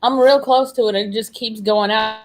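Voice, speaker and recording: A woman's voice: a little high, fairly even intonation, normal speed. Woman on a glitchy video call. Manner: rambling, full of "like" and restarts. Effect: heard over a glitchy video call. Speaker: guest recounting an encounter. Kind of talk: casual conversational storytelling.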